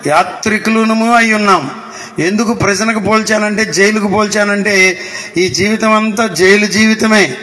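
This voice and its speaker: A man preaching an evening gospel sermon. He keeps putting questions to the crowd and climbs into loud exclamations. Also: sits high. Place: outdoor evening meeting under lights.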